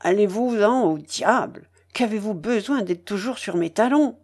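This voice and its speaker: A woman's voice: mid-range voice, expressive, normal speed, a little mellow, slightly rough. A woman voicing a jealous young officer with barely held anger in a read-aloud novel. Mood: angry.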